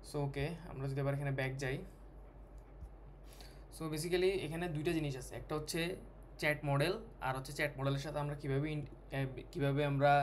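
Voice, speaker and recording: A man's voice: mid-range voice, darkish tone, a little hiss or hum. A man teaching a programming lesson over a screen recording, thinking aloud with many fillers and restarts. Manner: code-switching, halting with fillers and restarts. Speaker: programming tutor.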